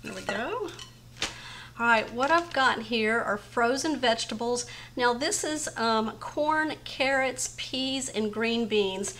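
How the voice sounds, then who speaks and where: On a recording with a little hiss or hum, a middle-aged home cooking channel host speaks slowly with lively intonation in a somewhat bright, highish voice. She casually demonstrates a casserole recipe step by step in her home kitchen.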